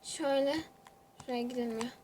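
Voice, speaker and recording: A young woman chatting excitably to viewers while she plays a computer game. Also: a little high, moderate pace, a little hiss or hum. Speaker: gamer. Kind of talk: casual gaming commentary.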